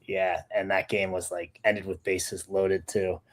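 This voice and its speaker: Low-voiced male co-host, casual, talks while checking numbers. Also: little pitch movement, unhurried. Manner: thinking aloud, checks stats as he talks. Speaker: sports betting show co-host. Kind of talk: casual betting talk.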